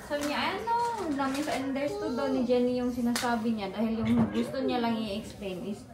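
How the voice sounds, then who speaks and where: A woman's voice: on the high side, fairly even intonation, fairly quick, reverberant. Chatty pregnant mother vlogging outdoors. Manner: chatty, storytelling, mixes languages. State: pregnant, tired from walking. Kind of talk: casual vlog chat while walking.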